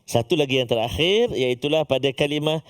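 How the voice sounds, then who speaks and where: A man's voice: fairly high pitch, animated, fairly quick, background noise. A man with a Malaysian Malay accent teaching tajwid, who drills letters aloud and praises often. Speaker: Quran recitation teacher. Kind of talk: tajwid lesson with recitation drills.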